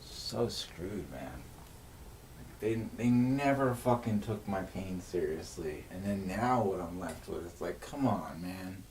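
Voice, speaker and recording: A man's voice: low-pitched, animated, unhurried, hardly any pauses, a little mellow. A man ranting angrily and swearing a lot on a livestream, often breaking off and restarting his sentences. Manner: agitated, swears heavily, rants with frequent restarts. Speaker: streamer. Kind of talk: unscripted venting monologue on a livestream. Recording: echoey room, mic at a distance, faint noise.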